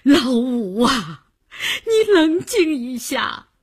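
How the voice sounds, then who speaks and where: A desperate middle-aged businessman, drawn-out and swinging widely in pitch, as a woman reads him in a storybook. He begs slowly, then jeers with bitter scorn. The voice is husky throughout. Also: sing-song, darkish tone, exaggerated voice. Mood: pleading. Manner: pleading then bitterly mocking, slow and drawn out.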